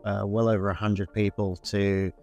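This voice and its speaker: Low-voiced chatty entrepreneur man. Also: little pitch movement, moderate pace, darkish tone, soft background music. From born in New Zealand, grew up in the UK. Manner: self-deprecating, loose and chatty with many fillers and restarts. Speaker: guest entrepreneur. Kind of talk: conversational interview answer.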